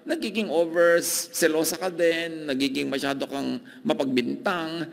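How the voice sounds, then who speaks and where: A man preaching a sermon, mixing Tagalog and English, with emphatic, drawn-out phrases and dramatic pauses. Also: medium pitch, gravelly, a bit bright. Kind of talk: Taglish sermon teaching. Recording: long reverb, hall-like.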